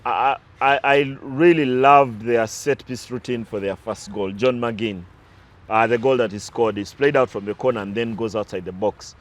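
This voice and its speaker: Speaking at normal speed with fairly even intonation, a man in a mid-range voice analyzes recent football matches. It's casual sports talk from a pundit who drifts into side stories and restarts a few times.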